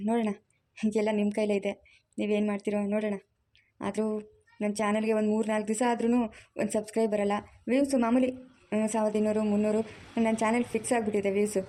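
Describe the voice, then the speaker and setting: A woman's voice: mid-range voice, mellow. Candid woman chatting to her viewers. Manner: candid, resigned. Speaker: channel host. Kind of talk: casual chat to viewers.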